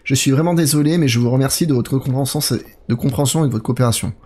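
Male streamer, young adult, mid-pitched, joking and chatty, thanks his chat as he plays. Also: rapid-fire, warm tone, a little hiss or hum. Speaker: let's play streamer. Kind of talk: live horror game commentary.

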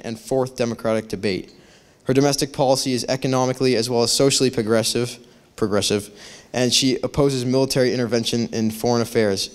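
A man's voice: mid-range voice, clean tone. Teen boy reading a speaker introduction. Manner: reads steadily from a paper. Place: high school auditorium stage. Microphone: handheld mic.

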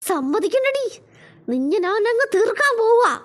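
A woman voicing a menacing male kidnapper in a cartoon, snarling threats with sudden loud jumps. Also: very high voice, very animated, normal speed. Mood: threatening. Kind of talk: cartoon voice acting.

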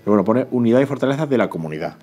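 A man, excitedly unboxing a board game in casual talk, often pleading to himself and chattering to viewers. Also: mid-range voice, very fast, slightly rough. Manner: excitable, pleading and self-talking. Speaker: board game channel host. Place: indoors at a table, off camera.

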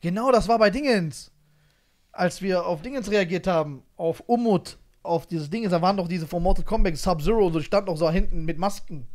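High male voice, brash, mock-scolding, casual streamer banter. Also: brisk, a little mellow. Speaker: streamer reacting to a video. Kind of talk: casual banter, street slang.

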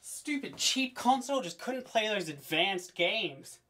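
A woman in raging gamer mode, complaining in exasperation, recorded from a distance with loud clattering around her. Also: mid-range voice, very animated, measured pace, very noisy. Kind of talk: angry rant at a broken game console. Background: loud clicks and clattering.

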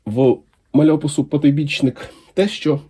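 A man's voice: on the high side, breathy edge. A man talking casually and enthusiastically as he unboxes comics for his channel. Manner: enthusiastic, unhurried, lively intonation.

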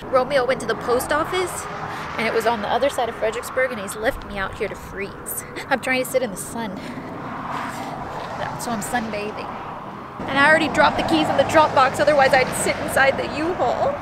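A woman's voice: high-pitched, moderate pace, very noisy. Chatty young woman vlogging to camera. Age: young adult. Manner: chatty, excitable, talks to camera. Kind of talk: casual vlog chat. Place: car and outdoors. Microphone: handheld camera at arm's length.

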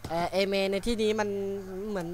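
A man doing let's play commentary on a horror game, jumpy and excitable, swearing often. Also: high voice, a little fast, a little hiss or hum. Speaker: gamer.

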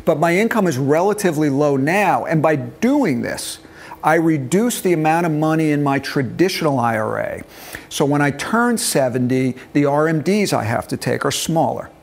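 An animated, creaky voice on the high side comes from a man in his early sixties teaching financial planning, speaking at normal speed. In a meeting room before a seated group, he informally explains retirement money step by step, checking his listeners follow, while wearing a lapel mic.

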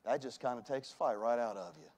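A man, preaching a sermon in a church. He swings from loud emphasis to hushed tones. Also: mid-range voice, expressive, fast. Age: 40s. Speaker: pastor. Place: church sanctuary.

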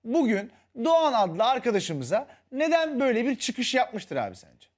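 A man with a high voice, co-hosting a studio panel show. He steers the talk by putting leading questions to the other panelists. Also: huge pitch swings, moderate pace. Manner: prompting, asks leading questions. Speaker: studio co-host. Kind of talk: TV panel discussion.

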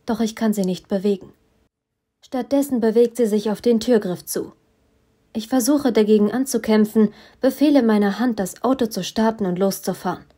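Woman reading a first-person audiobook. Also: on the high side. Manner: steady, measured storytelling. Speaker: audiobook reader.

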